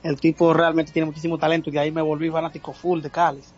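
Hesitant Dominican man, fairly high voice. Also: monotone, lo-fi sound. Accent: Dominican Spanish. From Dominican Republic. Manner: halting, many filler sounds. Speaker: guest singer. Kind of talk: casual interview.

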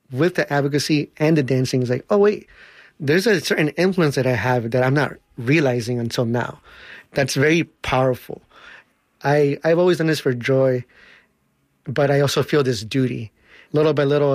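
A man's voice: medium pitch, no room sound. A man talks about his path into dance teaching in a sincere, reflective way. His voice sits mid-range and reaches the ear dry and close. He hurries through some phrases and lingers on others. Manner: earnest, quick bursts with slow emphatic stretches. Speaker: dance instructor and organizer. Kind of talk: reflective interview storytelling.

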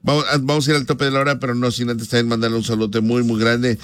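A man's voice: mid-range voice, level tone, fast. A man hosting a radio show, joking with callers and reading sponsor ads in a casual, slangy way. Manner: joking, chatty, slangy Mexican Spanish. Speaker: radio host. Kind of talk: casual radio chat and live ad reads.

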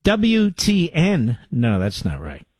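A man's voice: on the high side, huge pitch swings, takes it slowly, darkish tone, slightly rough, dry recording. A man hosting a call-in radio show, blunt and emphatic as he takes callers. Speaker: radio talk show host. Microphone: studio microphone.

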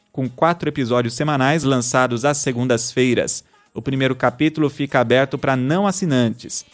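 A man hosting a news podcast, reading stories and listener messages in a scripted style. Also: medium pitch. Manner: reads listener messages aloud.

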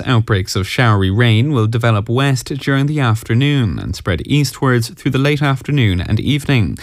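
A man's voice: mid-range voice, dry recording, clean studio sound. An Irish man reading a scripted radio bulletin as a newsreader. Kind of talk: scripted news, weather and sport bulletin.

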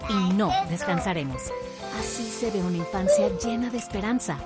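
Female charity ad voice, even mid pitch, earnest read, loud music bed. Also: normal speed. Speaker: ad narrator. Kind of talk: scripted charity ad narration.

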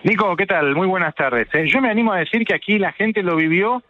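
A man reports live for radio from a community center, his high-pitched voice moving a little fast as he describes things fluently and stays polite with interviewees. The sound is phone-quality with a little hiss or hum. Music plays in the background.

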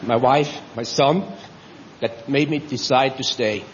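A middle-aged man from Switzerland giving a reflective, halting personal speech as a new citizen in a large tent. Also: medium pitch, slight background noise. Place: large tent at an outdoor ceremony. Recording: reverberant dull audio with faint ambience.

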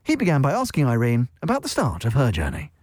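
A man hosting a business radio show, reading scripted links with a measured, presenter-like delivery. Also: medium pitch, huge pitch swings, darkish tone, no echo, studio quality.

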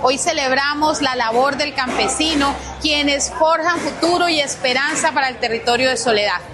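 A woman's voice: high-pitched, normal speed, over music. A woman giving an emphatic public speech at a community event. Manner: emphatic, repetitive public speaking. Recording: outdoor event with crowd noise. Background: loud crowd.

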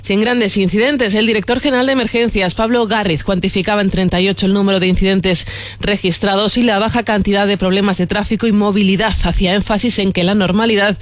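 A woman reads the morning radio news in a formal, measured way. Her voice sits close and dry at a studio microphone, with no room sound around it. She moves steadily through the bulletin. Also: medium pitch, fairly even intonation, no echo. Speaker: news anchor. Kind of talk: scripted radio news reading.

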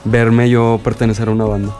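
A man in his twenties, a member of a band, talking about his dreams in a relaxed, rambling way. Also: on the low side, brisk, music in the background. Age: 20s. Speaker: band member, bajo quinto player. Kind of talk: casual interview talk.

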